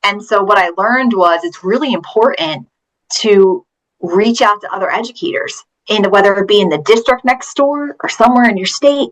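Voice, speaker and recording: A woman's voice: mid-range voice, moderate pace, rough recording. A woman from Pennsylvania, a teacher and author, answering interview questions in an earnest, storytelling way. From Pennsylvania, USA.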